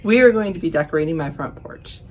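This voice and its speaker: A woman's voice: low-pitched, animated, fast talker, darkish tone. A woman from Georgia, chatting casually through a home decorating vlog, a little out of breath, recorded outdoors on a front porch with birds chirping. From southern Georgia, USA. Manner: chatty, friendly walkthrough with small laughs.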